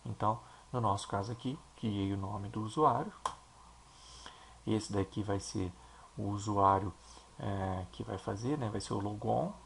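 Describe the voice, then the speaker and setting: A man with a Brazilian Portuguese accent, a teacher explaining a software installation step by step and checking in with his listeners. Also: lowish voice, a little slow, vocal fry, slight background noise. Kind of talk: screen-recorded software tutorial.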